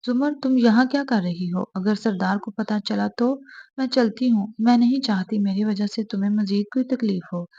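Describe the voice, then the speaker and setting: A woman's voice: medium pitch, normal speed, dark tone, lightly acted. Crying bitter sister, read by a woman, muffled sound. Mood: tearful. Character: tearful young woman, bitter older sister.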